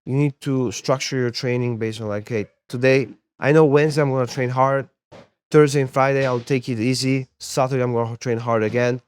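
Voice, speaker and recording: Talking a little fast at a medium pitch, this young adult man, born in Poland, is a sports therapist and MMA coach appearing as an interview guest. His manner is easygoing, and he repeats words as he searches for them.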